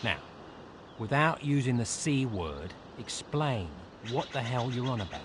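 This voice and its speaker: An actor playing a sarcastic, greedy mercenary bard in a video game cutscene, mocking and impatient. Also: male voice, mid-range voice, animated, a little slow, background noise, close to an everyday voice. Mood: scornful.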